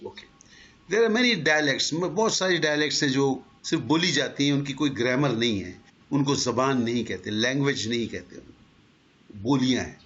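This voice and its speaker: A man's voice: mid-range voice, a bit bright. A man teaching a class, explaining step by step and asking rhetorical questions. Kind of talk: lecture to a class. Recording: dull lo-fi recording.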